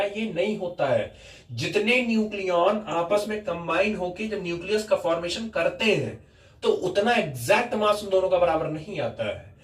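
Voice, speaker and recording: A male physics teacher lecturing a class, explaining step by step and repeatedly quizzing his students. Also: high voice. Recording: echoey classroom, mic far off.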